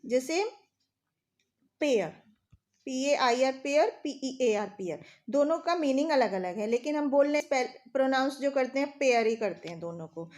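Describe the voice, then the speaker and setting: A woman with an Indian accent, teaching English vocabulary in a steady, explaining way and spelling words out letter by letter. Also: sits high, moderate pace, few pauses. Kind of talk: vocabulary lesson in Hindi.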